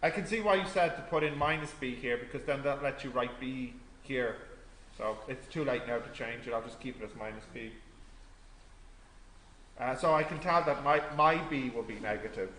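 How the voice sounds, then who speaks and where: A man's voice: mid-range voice, moderate pace, sharp tone. A man tutoring a maths class, explaining step by step and quizzing students as he goes. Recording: echoey classroom with faint noise.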